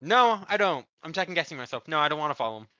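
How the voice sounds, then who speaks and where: A man's voice: on the high side, very animated, rapid-fire, sharp tone, dull audio. A man playing a tabletop game, chatting casually as he improvises his role.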